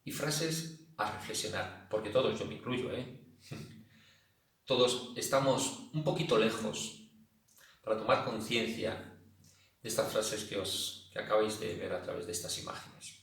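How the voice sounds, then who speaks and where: A man's voice: lowish voice, a little slow, creaky, pauses often. A man with an accent from Spain, a senior exercise instructor, talking casually to his class and often repeating himself. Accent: Spanish from Spain. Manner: chatty, repeats himself, acts out loud shouting. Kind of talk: casual spoken talk to an online class. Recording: very echoey room, voice a bit far from the mic.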